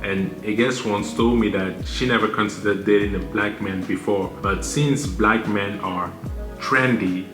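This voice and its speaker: A man in his thirties from Cameroon, giving measured list-style advice to his channel audience with the odd filler. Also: lowish voice, steady tone. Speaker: channel host. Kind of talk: scripted commentary to camera. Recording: roomy echo with music bed.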